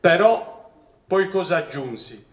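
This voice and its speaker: A man's voice: high-pitched, slow. A man, a professor telling funny stories at a public talk. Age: 60s. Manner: joking, lively storyteller who acts out voices in quotes. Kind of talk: humorous storytelling lecture. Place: event hall with seated audience. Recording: echoey hall, distant mic.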